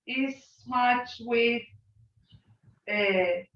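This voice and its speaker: Her voice sits on the high side, and she draws out her words. As host of an online student exchange group session, she keeps the introductions informal and jokes at her own expense. It's captured in dull, distant, roomy video-call sound.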